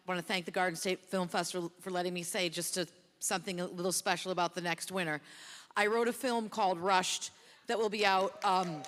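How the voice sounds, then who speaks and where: A woman's voice: mid-range voice, fairly bright tone. Rambling, chatty middle-aged woman in a hall. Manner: rambling, chatty, self-deprecating. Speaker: award presenter. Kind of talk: off-the-cuff award presentation speech. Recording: long reverb in a hall.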